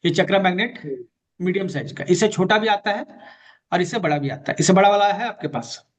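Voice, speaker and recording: A high-voiced man with lively intonation talks a little fast as he runs an online magnet therapy class. He patiently repeats the key terms and steers a student along. Recorded on a video call, the audio is dull and lo-fi.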